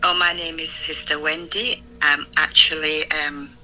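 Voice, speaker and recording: A woman's voice: deep voice, little pitch movement, unhurried, bright, forceful tone, faint music behind. A woman, a guest on a phone call, answering politely and briefly. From England. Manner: polite, says "yes, sir" and gives short replies. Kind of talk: casual chat. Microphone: phone without headset.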